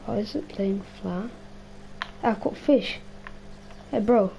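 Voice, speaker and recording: The gaming livestreamer, a young woman, talks slowly at medium pitch with a creaky, dark tone, rambling in casual slang, cursing and talking to herself. Her voice is strained and worn out, and the poor audio has slight background noise.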